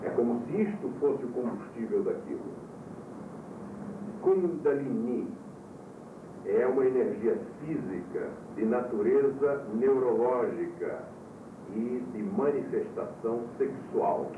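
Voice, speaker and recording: A man who is a yoga teacher lectures to his students, explaining calmly and jumping up in pitch when he stresses a point, heard from an old VHS tape. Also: slow pace. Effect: old VHS tape recording. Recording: tinny, roomy, distant, hissy old VHS tape.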